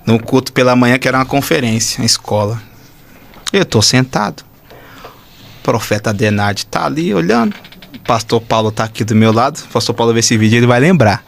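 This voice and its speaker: A Brazilian man, a pastor, telling a testimony in an excitable, animated way, with shouts and sound effects. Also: mid-range voice, fairly quick, vocal fry, a little hiss or hum. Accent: Brazilian Portuguese. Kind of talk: animated testimony in casual chat.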